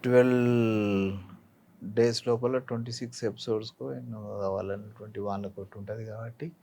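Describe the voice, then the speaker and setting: A middle-aged or older man with a Telangana Telugu accent talks at normal speed in a lowish, mellow voice with some vocal fry and fairly even intonation. As an interviewed actor, he reflects and gives advice, driving points home with examples.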